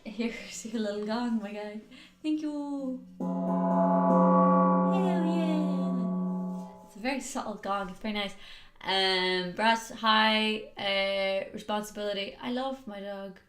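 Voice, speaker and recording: A woman's voice: mid-range voice, fairly even intonation, unhurried, over loud music. A woman hosting a casual livestream, telling a rambling story full of "like" and answering viewer chat as she goes. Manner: chatty, rambling, heavy use of "like". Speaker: livestream host. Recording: roomy echo.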